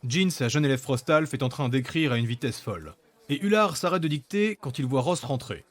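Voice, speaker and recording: Male narrator, medium pitch, scripted fantasy storytelling, present-tense narration. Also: expressive, fairly quick.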